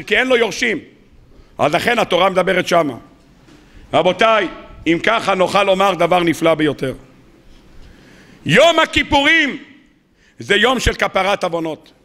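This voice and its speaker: A man, a rabbi, giving a sermon, asking rhetorical questions and swinging between loud rises and quiet drops. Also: high voice, vocal fry.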